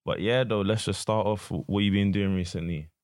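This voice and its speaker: A male podcast host with a deep voice and a London accent. He chats casually in a roadman manner, full of street slang. The sound is dry and close. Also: normal speed, darkish tone, dry recording. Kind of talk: casual chat.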